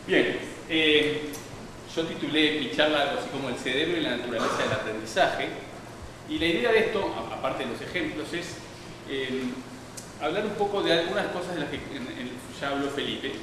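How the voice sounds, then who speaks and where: A man's voice: fairly high pitch, normal speed. A man giving a public science lecture, talking in a digressive way with many restarts and fillers. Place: lecture hall. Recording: distant, echoey hall, background noise.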